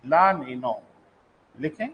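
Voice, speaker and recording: A man's voice: a little high, slow, highs cut off. A male teacher giving a live online lecture, dictating notes, asking check questions and calling his students "beta".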